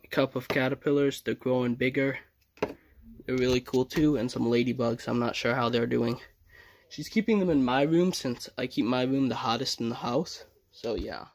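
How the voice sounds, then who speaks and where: A young male vlogger casually narrates his own home video while holding a phone behind the camera in a room at home. He speaks at a normal speed with a medium-pitched voice.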